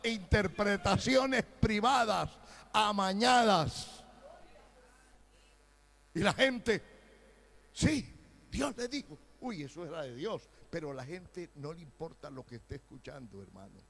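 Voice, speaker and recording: Pastor de voz aguda y ronca. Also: male voice, sits high, expressive, a little slow, gravelly. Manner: emphatic preaching with sudden loud outbursts and mocking quoted voices. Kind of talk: sermon.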